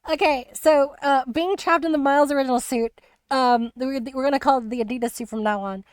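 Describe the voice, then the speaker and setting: A woman streamer chatting casually about a video game, rambling and animated with lots of fillers. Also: high voice, fairly quick, clear, resonant tone, no echo. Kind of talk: casual spoiler chat on a live stream.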